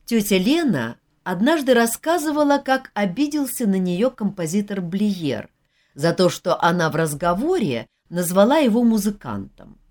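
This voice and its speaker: A woman reading a novel aloud as an audiobook narrator, with expressive storytelling. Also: mid-range voice, moderate pace. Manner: expressive storytelling, lively intonation. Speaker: audiobook reader.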